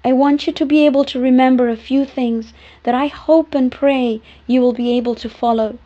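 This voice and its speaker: A woman reading heartfelt letters aloud in a tender, unhurried way. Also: high-pitched, steady tone. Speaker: reader of letters. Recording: dull lo-fi recording.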